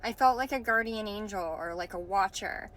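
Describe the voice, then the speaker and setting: A woman's voice: mid-range voice, normal speed, fairly bright tone, a little hiss or hum. A woman casually recounting a dream in a hesitant way, searching for words and often saying "like". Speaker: vlogger.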